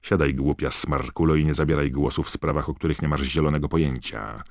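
A man's voice: low voice, sing-song, slow pace, a little mellow, no echo, studio quality, pitched above the performer's own voice, full character voice. A man voicing a scheming, fawning female gossip reporter in an audiobook, pushy and sly. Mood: cold. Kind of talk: audiobook character voice.

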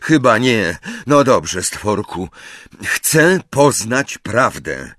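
A man's voice: mid-range voice, very animated, extremely slow, no room sound, studio quality, exaggerated voice. A man reading aloud who voices a stern, commanding teenage boy wizard. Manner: sharp, commanding.

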